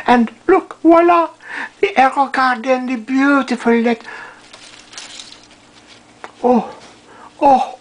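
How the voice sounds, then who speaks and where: A woman playing a fussy, flamboyant personal chef with a put-on French accent and broken English, giving a comic product pitch. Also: slight background noise.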